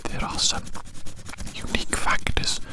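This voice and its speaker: In a slow, meandering whisper, this ASMR performer stays very close to the microphone, breathy and soft, circling back over the same phrases.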